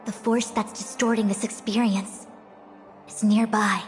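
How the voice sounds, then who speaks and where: A woman's voice: medium pitch, flat delivery, a little slow, lightly acted. A woman voicing a composed, watchful young woman seer with formal speech in a video game. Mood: calm, watchful. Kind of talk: English video game voice acting. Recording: long reverb, music behind.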